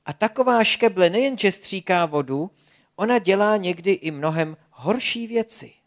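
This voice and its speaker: Children's story reader, expressive, lively, animated delivery. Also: medium pitch.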